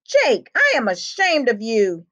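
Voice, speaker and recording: A woman's voice: a little high, huge pitch swings, unhurried, fairly bright tone, voice pushed up, heavily acted. A woman voicing a strict schoolteacher who speaks sternly and curtly, read aloud from a storybook. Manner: stern, curt. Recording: dull lo-fi recording.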